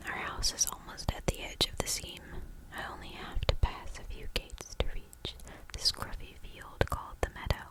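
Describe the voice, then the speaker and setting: A woman reading a novel aloud for ASMR in a soft, hushed whisper, slow and deliberate. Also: low-quality recording.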